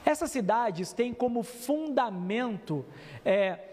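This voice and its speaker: A man from Brazil, preaching a sermon as pastor, telling lively stories and acting out the voices in them. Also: extremely high pitch, takes it slowly. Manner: lively storytelling preacher, acts out quoted voices. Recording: long church hall reverb.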